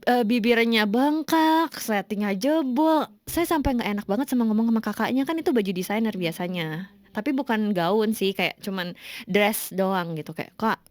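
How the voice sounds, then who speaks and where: A young woman telling a personal story on radio in a casual, animated way, often laughing. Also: mid-range voice, moderate pace, no echo. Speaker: guest. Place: radio studio.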